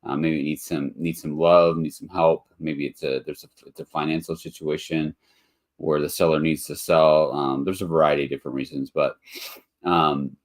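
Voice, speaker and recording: A motel investor hosts a live webinar in a rumbling low voice with little pitch movement, speaking at normal speed. He's casual and rambling, with plenty of ums and restarts, and allergies make him a bit nasal and congested.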